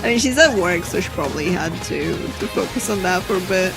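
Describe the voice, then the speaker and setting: A woman's voice: fairly low pitch, expressive, brisk. A woman livestreamer giving casual live reaction commentary with dry, offhand remarks. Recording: clear music in background.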